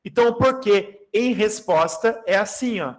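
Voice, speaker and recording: Male teacher from Brazil, high-pitched, animated and joking with his class in a prep lecture. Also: normal speed. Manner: animated, jokey, addresses class directly. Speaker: Portuguese teacher. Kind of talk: lively exam-prep class.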